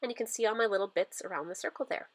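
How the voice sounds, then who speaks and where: A woman's voice: medium pitch, rapid-fire, no echo. A middle-aged woman with a stuffy nose from a cold, chatting casually through a craft voice-over with lots of fillers. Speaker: scrapbooking vlogger.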